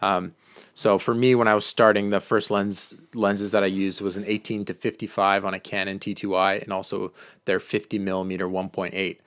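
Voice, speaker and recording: Hosting a laid-back filmmaking Q&A on a live stream, this man takes viewer questions from the chat in a loose, chatty way, peppered with "um" and "like." His voice sits low with little pitch movement, a fairly bright tone, and a moderate pace.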